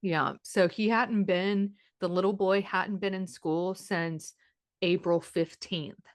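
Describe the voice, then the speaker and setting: A woman's voice: medium pitch, fairly even intonation, slow, no echo, studio quality. A woman in her late twenties co-hosting a true-crime podcast, chatting casually with lots of fillers and restarts. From Florida. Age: late 20s. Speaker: podcast co-host.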